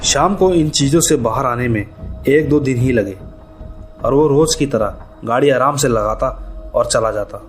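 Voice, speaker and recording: A man narrating a scripted horror story in a steady, even storytelling manner. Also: medium pitch, moderate pace. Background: faint background music.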